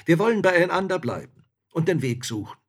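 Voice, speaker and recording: A brash, ravenous fairy-tale soldier, as a man puts him on, loud and cocky, pitched well above a husky speaking voice. He swings his lines up and down with great liveliness and never sounds afraid. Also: very animated, a little fast. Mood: boisterous. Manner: boisterous and swaggering. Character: bold hungry cheeky male soldier.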